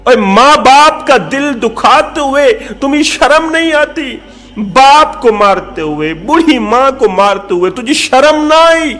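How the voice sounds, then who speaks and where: A preacher voicing a stern, wise judge who rebukes and instructs. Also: male voice, high voice, expressive, a bit bright.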